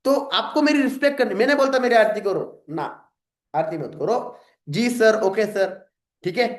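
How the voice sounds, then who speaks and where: A man's voice: high-pitched, moderate pace, echoey room. A man mentoring a sales team in an informal coaching talk, direct and lecturing, often acting out sample phone calls.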